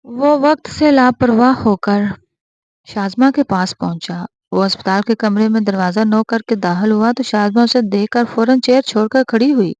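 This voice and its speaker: A woman narrating a romance novel and reading every character's lines in her own steady voice. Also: medium pitch, no echo. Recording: dry, dull lo-fi recording.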